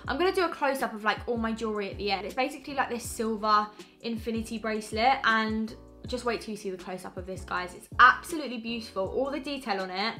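A young British woman in her early twenties, vlogging with a bright, crisp voice that sits a little high. She gushes enthusiastically, piling on "absolutely" and "stunning", with faint music playing softly behind her. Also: fast talker. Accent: British English. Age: early 20s. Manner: gushing, enthusiastic, repeats "absolutely". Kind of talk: birthday gift haul vlog.

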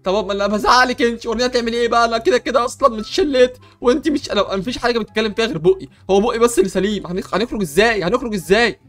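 A man's voice: very high-pitched, rapid-fire, hardly any pauses, fairly bright tone, faint music behind. A young man with an Egyptian Arabic accent, hosting an improvised game role-play with comic panic and bluster.

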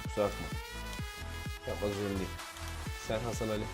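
A man commentating his own football video game, frustrated, shouting and swearing at his players. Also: on the low side, fairly even intonation, a little fast, loud music behind the voice. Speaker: gaming YouTuber.

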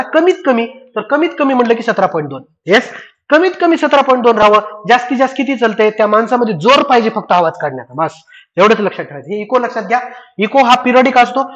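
A man giving an exam revision science lecture, lively, repeating key points and asking and answering his own questions. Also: very high-pitched. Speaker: science teacher. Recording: dull lo-fi classroom recording.

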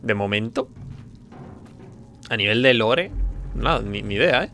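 A man's voice: on the low side, expressive, a little slow, bright, forceful tone, soft background music. A man playing a horror game, muttering tensely and yelping when scared. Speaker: gaming streamer. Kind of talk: let's play commentary.

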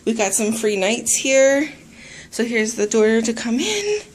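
A woman's voice: fairly high pitch, very animated. A woman giving an easygoing walkthrough of a hotel room, filming on a handheld phone indoors. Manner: slow, easygoing pointing-out of things. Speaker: vlogger giving a hotel tour. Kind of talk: casual walkthrough narration. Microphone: handheld phone camera.

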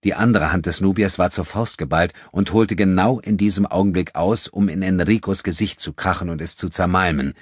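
A man with a very low, husky voice reads an audiobook in a steady, measured way. The sound is dry and close, with no room around it. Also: no room sound. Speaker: audiobook narrator. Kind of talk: scripted narration.

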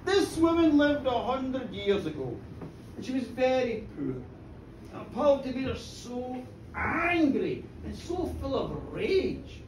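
A man's voice: very high voice, big pitch swings, slight background noise, exaggerated voice. Finvara, a man doing a stern fairy king. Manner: slow, measured commands. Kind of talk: live storytelling. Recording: echoey pub room, distant mic.

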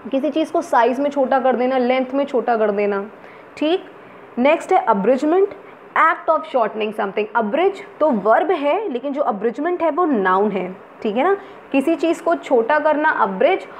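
A young woman with an Indian accent runs a vocabulary lesson for exam students, her voice high and bright. She flips between English and Hindi and keeps checking that her students follow. The recording is a little muffled, with a faint hiss behind her. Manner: mixes English and Hindi, explains words patiently with frequent "ठीक है ना" check-ins. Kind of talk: online exam-prep lesson.

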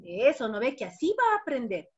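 A woman's voice: a little high, very animated, a little fast, lo-fi sound, slight background noise. A woman, a preschool teacher telling a playful story and guiding young children in a lesson. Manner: playful, sing-song, with frequent laughs.

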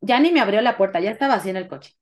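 A woman's voice: mid-range voice, very fast. A young adult woman with a Mexican Spanish accent, telling her personal story as a guest in an interview, acting out the dialogue as she goes. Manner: animated storytelling, acts out quoted dialogue.

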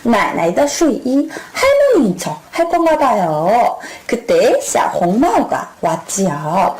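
A woman teacher telling a children's fairy tale, talking to the kids in an animated way. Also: medium pitch, slow pace. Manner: animated, speaks to children as 친구들. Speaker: language teacher. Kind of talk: children's storytelling lesson.

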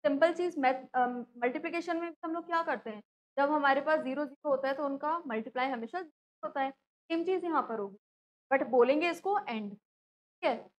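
A woman's voice: sits high, normal speed, low-quality recording. A woman, teaching a class and explaining step by step, often asking a question and then answering it herself. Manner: explanatory, asks and answers own questions, frequent "theek hai".

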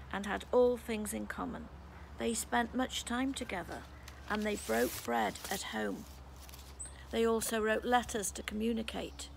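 Brief: British female priest, 60s, heavy vocal fry, calm reflective sermon, faint ambience. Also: mid-range voice, a little hiss or hum, low-quality recording. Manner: calm, measured, reflective delivery. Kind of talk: sermon read from notes. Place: garden outdoors. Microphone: phone camera held close.

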